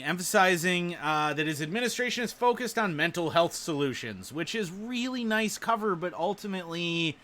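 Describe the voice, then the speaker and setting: A man hosting a show, giving sarcastic, animated political commentary while reading the news aloud. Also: sits high. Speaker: show host.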